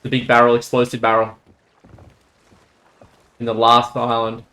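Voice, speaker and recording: A man's voice: medium pitch, monotone, measured pace, pushed and bright, rough recording. A man streaming a video game, talking casually as he plays. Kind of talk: casual chat while gaming.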